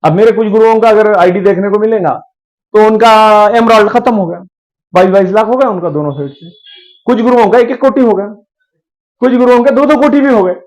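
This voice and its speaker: The lo-fi recording captures a man speaking fairly quickly as he leads business training. Animated and swinging in pitch, he addresses his audience as sir and acts out small quoted dialogues.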